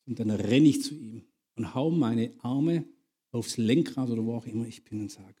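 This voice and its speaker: A man preaching a sermon and reading a story aloud, emphatic and swinging between loud and hushed. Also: mid-range voice, normal speed, husky.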